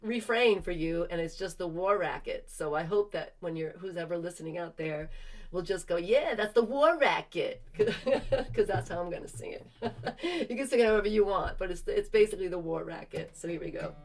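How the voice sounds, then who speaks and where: A woman folk singer chatting earnestly between songs, halting and laughing, then singing a protest song over guitar on a concert stage. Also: lowish voice, a little mellow. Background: acoustic guitar.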